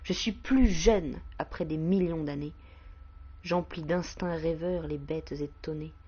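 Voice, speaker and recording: A woman voicing the Earth personified, an ancient and scornful female figure in a recited poem. The voice is very low and measured, with slow declamatory phrasing. The sound is muffled and lo-fi. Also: dark tone, slightly rough. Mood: scornful, grand. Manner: solemn declamatory reading. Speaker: poetry reader. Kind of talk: poetry recitation.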